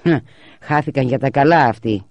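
A man voicing a stern, hot-tempered father of three who shouts in a raised voice. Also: mid-range voice, dry recording, pitched above the performer's own voice, close to an everyday voice. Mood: impatient.

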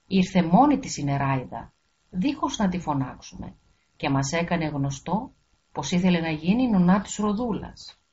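A woman's voice: on the low side, very animated, darkish tone, a little hiss or hum. A woman voicing a cold, scheming queen who talks in a cool, plotting way, on a dull lo-fi recording.

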